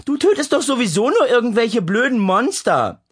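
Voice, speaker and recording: A narrator voicing a cheeky teenage girl who shouts through the house in a children's audiobook. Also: mid-range voice, very animated, moderate pace, breathy edge, voice pushed up, heavily acted. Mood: mocking. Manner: shouting from another room.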